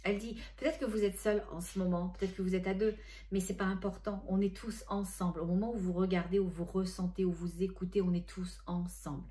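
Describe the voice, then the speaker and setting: During a channeling session, a middle-aged spiritual medium talks softly as she passes along messages. She has a mid-range voice with little movement in pitch and a brisk pace.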